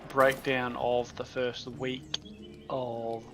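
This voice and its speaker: A man's voice: mid-range voice, little pitch movement, very slow. A man in casual chat on a game stream, teasing the host. His voice is plain and sits mid-range. Faint game music plays behind. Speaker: friend watching the stream.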